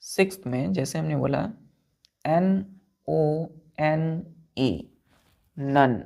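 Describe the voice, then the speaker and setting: A woman teacher with an Indian accent takes students slowly through English words. She spells each one out letter by letter and keeps asking if it is clear. Her voice is low, dark and gravelly. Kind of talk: classroom vocabulary lesson.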